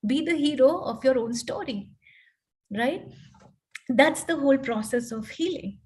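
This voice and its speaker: A woman's voice: high voice, measured pace, a little mellow. A woman coach and counselor explaining healing in an online panel talk, often checking in with tag questions.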